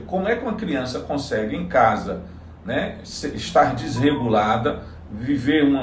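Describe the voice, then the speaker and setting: His voice leans high and the sound is roomy, picked up from a distance with slight background noise. The speaker, a psychologist running for office from Salvador, Bahia, Brazil, explains things earnestly in an interview and frequently starts over.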